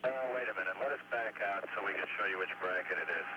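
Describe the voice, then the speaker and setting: An astronaut in orbit talking matter-of-factly over a breaking-up space radio downlink, explaining things step by step. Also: male voice, low-pitched, quick pace. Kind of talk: live air-to-ground radio exchange. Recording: muffled, heavily hissing radio downlink.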